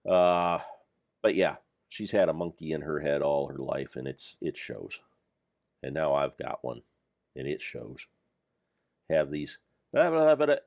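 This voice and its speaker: A man's voice: a bass voice, fairly even intonation, unhurried, creaky, pauses often, a little mellow, dry recording. An older man giving rambling, self-deprecating commentary over his gameplay of a Minecraft mod pack. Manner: meandering, self-deprecating, jokey.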